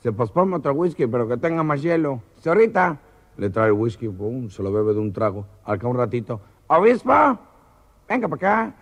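A man's voice: medium pitch, very animated, brisk. A man telling a joke on an old cassette recording, switching between comic voices for the characters. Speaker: comedian.

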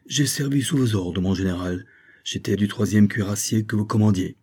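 A man voicing a dutiful, uneasy gendarme sergeant in an audiobook, speaking deferentially and apologetically with a husky voice. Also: lowish voice, normal speed, a little mellow.

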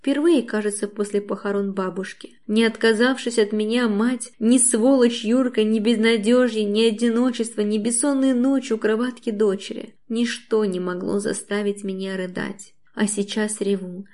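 A woman's voice: mid-range voice, steady tone, moderate pace, few pauses, darkish tone. A woman reading a novel aloud in the first person, with intimate, emotional storytelling. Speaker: audiobook narrator. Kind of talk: first-person audiobook narration.

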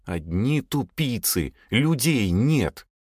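A man's voice: mid-range voice, big pitch swings, slow pace, breathy edge, dry recording, clean studio sound, pitched above the performer's own voice, heavily acted. A man voicing a furious male crime boss who rants and scorns his men. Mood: scornful. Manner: shouting, scornful.

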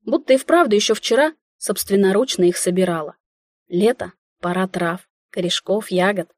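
A woman narrating a first-person audiobook in a wry, lively inner-monologue manner. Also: mid-range voice, moderate pace, no room sound, clean studio sound.

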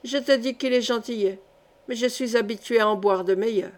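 A woman's voice: on the high side, fairly quick, close to an everyday voice. A woman reading the part of a boastful, greedy young man getting drunk at a feast. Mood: tipsy swagger.

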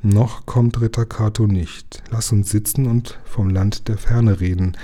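A man reading the lines of a frightened, loyal young boy in a storybook, in a soft, earnest way. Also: fairly low pitch, fairly even intonation, unhurried.

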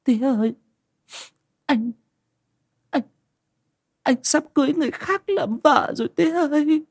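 A man voicing a lovesick young village woman, pleading in a high, tearful voice. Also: expressive, normal speed, vocal fry, slightly rough, no room sound, clean studio sound, full character voice. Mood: sobbing. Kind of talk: audiobook character voice.

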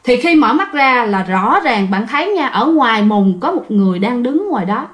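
A woman's voice: a little high, big pitch swings, normal speed. A woman with a Southern Vietnamese accent telling ghost stories in a chatty way, often turning to her listeners. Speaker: storyteller. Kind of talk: casual ghost-story telling.

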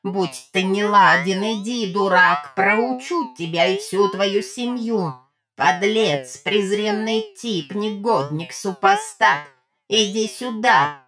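A woman reading an audiobook, voicing a talking coffee machine with a metallic, scraping voice that hurls slow, drawn-out insults. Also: medium pitch, lively intonation, a crowd in the background. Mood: angry scolding. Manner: slow, drawn-out scolding full of odd insults. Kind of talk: audiobook character voice.

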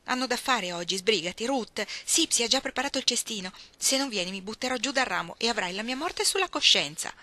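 A woman's voice: fairly high pitch, expressive, a little fast, hardly any pauses, pushed and bright, dry recording, pitched above the performer's own voice. A woman reading aloud, voicing a bold, mischievous tomboyish young woman who coaxes and pleads dramatically. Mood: pleading.

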